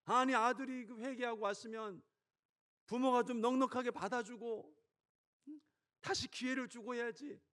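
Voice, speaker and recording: A man, a pastor, preaching a sermon, swinging between loud preaching and soft storytelling. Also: very high-pitched, steady tone, moderate pace.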